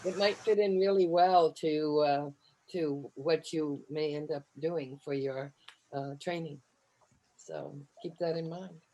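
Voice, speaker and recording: A woman's voice: low voice, fairly even intonation, takes it slowly, dark tone, low-quality recording. A woman hosting a video call session, talking in a friendly, encouraging way. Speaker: session host.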